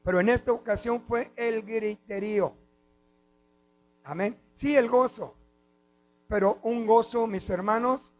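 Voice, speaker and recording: High-voiced Mexican pastor preaching slowly. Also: male voice. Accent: Mexican Spanish. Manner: preaching with repeated "mis hermanos" and "amén". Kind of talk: sermon. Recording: dull lo-fi with mains hum.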